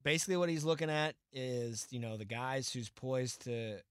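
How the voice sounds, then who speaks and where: A man co-hosting a casual sports podcast, talking in an animated, opinionated way with quick asides. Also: medium pitch, smooth, no echo. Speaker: podcast co-host.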